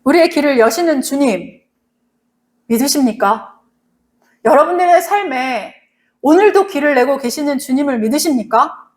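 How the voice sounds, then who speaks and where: Woman pastor preaching, high voice, keeps pressing the point over and over, asks the people to answer back. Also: lively intonation, moderate pace, pauses often. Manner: earnest, repeats and urges the congregation directly; asks the congregation for responses. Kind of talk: sermon; leads closing prayer.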